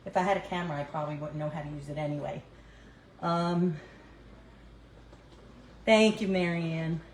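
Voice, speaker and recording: A woman's voice: low voice, moderate pace, reverberant, a little hiss or hum, rough recording. An older woman with a New York accent, chatting casually with her viewers while cooking in her kitchen, recorded on a phone. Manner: chatty, answers viewers as she cooks. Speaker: cooking livestream host. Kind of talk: casual live cooking chat. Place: home kitchen.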